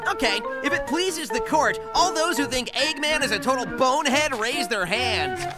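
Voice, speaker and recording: A man's voice: very high voice, lively intonation, moderate pace. A man playing a cocky, wisecracking young hedgehog hero in a video game, breezy and teasing. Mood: dismissive. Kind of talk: video game cutscene acting. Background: loud cinematic music.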